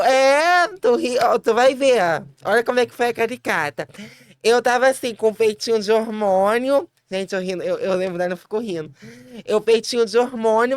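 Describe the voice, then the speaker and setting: Smooth-voiced woman telling a lively story. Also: dry recording. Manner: lively, laughing, quick restarts, high-pitched quoted voices. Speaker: podcast guest. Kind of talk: casual storytelling chat.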